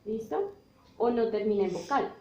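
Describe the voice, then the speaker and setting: A woman teaching a grammar lesson, explaining slowly and patiently and checking in often with her students. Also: medium pitch, animated, a little mellow, roomy sound.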